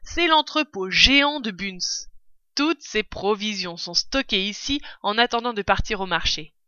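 A cunning, proud fox father with a bright, forceful voice, as a woman puts him on. He is exuberant, bossy and theatrical, like a storybook hero, in a dry, close sound. The recording is dull and lo-fi. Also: medium pitch, expressive, unhurried, dry recording. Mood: delighted.

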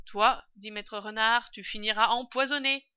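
Woman voicing a hushed clever fox. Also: a little high, steady tone, moderate pace, smooth, no room sound. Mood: urgent. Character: clever male fox, calm and urgent. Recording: dull lo-fi recording.

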